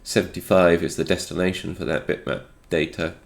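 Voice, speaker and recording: A male host of a retro game programming video, congested from a cold, talks briskly in a very creaky, low voice with a steady tone. He muses and reasons aloud during an unscripted technical screen walkthrough.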